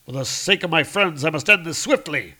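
Man doing a noble warrior prince, earnest, formal archaic speech, a little raised, loud. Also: fairly high pitch, lively intonation, fairly quick, voice pushed up. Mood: resolute.

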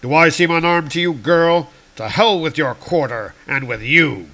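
A man voicing a proud, hot-tempered male god from a comic, speaking in booming archaic declarations. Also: moderate pace, sharp tone. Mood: angry commanding.

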